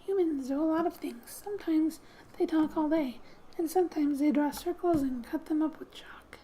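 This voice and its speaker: In a high, mellow voice, a woman hosts a quiet gaming ASMR read-through, reading text aloud with playful asides. She speaks softly and breathily, often drifting toward a whisper, gentle and unhurried over background music, with slight background noise.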